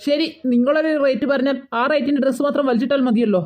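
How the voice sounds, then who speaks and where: A woman voicing a polite, brisk saleswoman in a cartoon. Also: sits high, darkish tone, close to an everyday voice. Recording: dull lo-fi sound.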